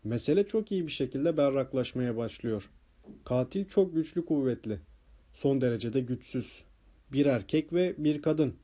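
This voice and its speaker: A thoughtful, wry detective, as a male narrator voices him, reasoning slowly and musing over each clue. His voice stays mellow and dark, close to the reader's own. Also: mid-range voice, lively intonation, natural voice. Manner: musing, measured.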